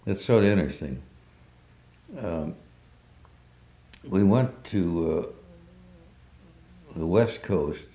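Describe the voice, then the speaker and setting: An older man with an extremely deep, mellow voice recounts memories in an oral history interview. He speaks haltingly, filling his pauses with many hesitations. The recording is roomy and echoey. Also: expressive. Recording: roomy echo.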